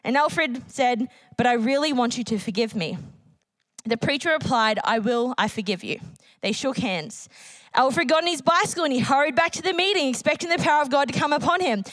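A woman's voice: high-pitched, animated, fairly quick, a bit bright, dry recording, poor audio. A woman preacher giving an earnest sermon at a church service, reading out a testimony and repeating key phrases for emphasis. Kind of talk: sermon with a read-aloud testimony.

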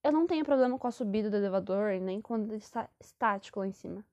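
A woman's voice: mid-range voice, expressive, rapid-fire, darkish tone. A young Brazilian woman, casually telling a rambling personal story and correcting herself as she goes. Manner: chatty, rambling, self-correcting. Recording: dull lo-fi sound.

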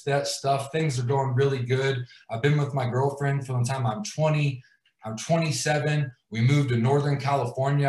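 A man in his thirties, guest hosting a live stream, tells a personal story in a rambling way, with many fillers and restarts. His voice is mid-range, and he sounds far from the mic in a roomy space.

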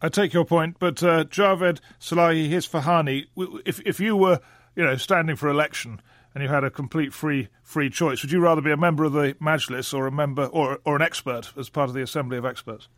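A man's voice: fairly high pitch, fairly even intonation, brisk, fairly bright tone, no echo. Dry-voiced male panel host, wry. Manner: wry, conversational, chuckles between questions. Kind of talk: hosting a panel discussion.

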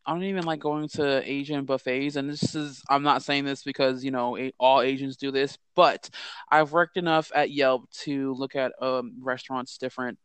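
A man's voice: mid-range voice, steady tone, normal speed, a bit bright, smooth, no echo. A man co-hosting a podcast, frank and profane, telling stories in casual chat. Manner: frank, storytelling, swearing. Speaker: podcast co-host.

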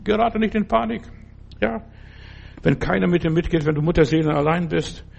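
Gravelly older German-speaking preacher. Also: male voice, fairly high pitch. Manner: repetitive, earnest, exhorting; drops to soft, slow reassurance at times. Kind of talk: sermon.

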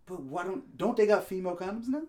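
A man's voice: sits high, background noise. A man co-hosting a podcast in casual, slangy chat, laughing easily as he talks. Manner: animated, slangy, quick to laugh. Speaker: podcast co-host.

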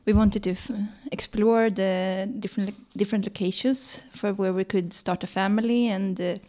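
A woman in her thirties whose first language is Swedish, a guest in an interview, answering in a hesitant, halting way with repeated words. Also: medium pitch, fairly even intonation, dark tone.

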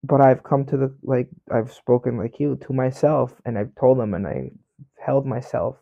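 A man's voice: medium pitch, normal speed, creaky, no room sound, muffled recording. A man co-hosting a podcast, talking frankly and animatedly in casual chat, swearing often. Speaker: podcast co-host.

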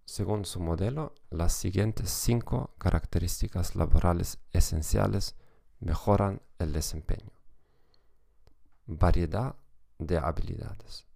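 Podcast lecturer, male, German accent, notably deep with heavy vocal fry, reading educational script carefully phrase by phrase. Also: measured pace, mellow. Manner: non-native, careful phrase-by-phrase delivery. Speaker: psychology podcast host and lecturer.

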